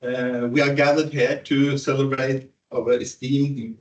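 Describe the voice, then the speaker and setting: Norwegian-born visiting scholar, formal and unhurried, heard from a distance in a reverberant hall. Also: male voice, mid-range voice, level tone. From Norway. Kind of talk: formal address. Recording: echoey hall, mic far off.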